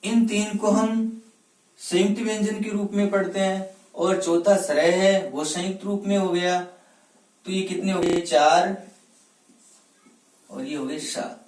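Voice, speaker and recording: A high-voiced man teaching a grammar lesson, asking questions and answering them himself. His voice sounds a bit distant from the mic, in an echoey room. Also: steady tone, darkish tone, slight background noise. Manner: spells out letters slowly one by one. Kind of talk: classroom lecture.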